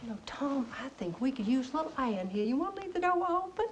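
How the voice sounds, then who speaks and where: A woman's voice: high-pitched, big pitch swings, quick pace, highs cut off, background noise. An actress playing a middle-aged faded Southern belle mother, genteel and nostalgic, chattering with a Southern accent and theatrical laughs. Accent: American Southern. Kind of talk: stage play acting.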